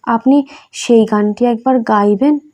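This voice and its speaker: A woman's voice: on the high side, measured pace, dark tone, muffled recording, close to an everyday voice. A woman voicing an earnest, questioning young male disciple in a storybook reading.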